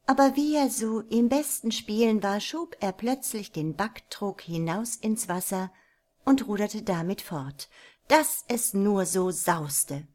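A woman narrates a folk tale aloud at a very unhurried pace. Her medium-pitched voice stays calm and measured. She tells the story as a storyteller reading from a book.

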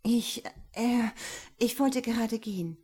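A woman's voice: medium pitch, normal speed, warm tone, husky, natural voice. A woman reading the lines of a young woman who answers brusquely and sounds flustered. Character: young woman, prickly and torn.

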